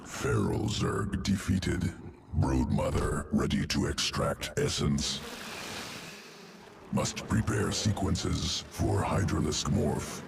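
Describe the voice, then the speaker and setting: For a video game, a man performs a detached, clinical alien creature that engineers genes, in a full character voice. His low, guttural, gravelly delivery moves slowly with lively intonation in clipped, telegraphic bursts, with slight background noise behind it.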